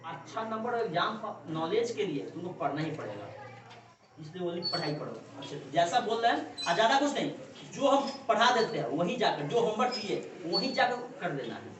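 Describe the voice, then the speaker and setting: A woman teaching a class, lecturing and coaxing her students with quick check-in questions. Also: lowish voice, big pitch swings, background noise. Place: echoey classroom. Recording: echoey classroom from far off.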